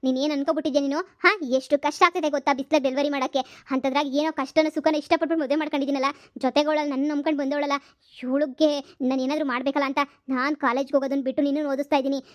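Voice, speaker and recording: A woman voicing a stern, hard-up young husband who works as a delivery man, scolding fast in a cartoon comedy. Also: sits high, little pitch movement, no echo, natural voice. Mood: indignant. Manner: scolding, lecturing, fast and insistent.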